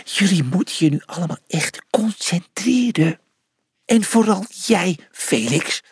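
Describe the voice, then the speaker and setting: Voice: medium pitch, lively intonation, measured pace, husky, dry recording, studio quality, pitched above the performer's own voice, heavily acted. A storyteller voicing an earnest male warthog who firmly urges his team to focus. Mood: urging. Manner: firm, earnest, urging.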